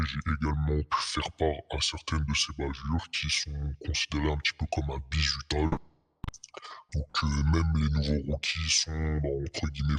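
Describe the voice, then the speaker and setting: A man playing an anonymous police officer giving guarded, hesitant, formal testimony in a disguised deep voice put through a voice changer. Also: a bit bright, breathy edge, full character voice. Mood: guarded, grave. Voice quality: disguised, artificially deepened voice. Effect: pitch-lowering voice changer. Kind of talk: role-play interview. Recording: long echoing reverb, muddy voice.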